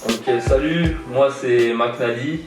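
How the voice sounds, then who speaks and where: A young adult guest artist, born in Iran and raised in France, answers interview questions casually but hesitantly, with many fillers and repeated words. His medium-pitched voice is slow, soft music plays behind him, and he sits distant from the mic in an echoey room.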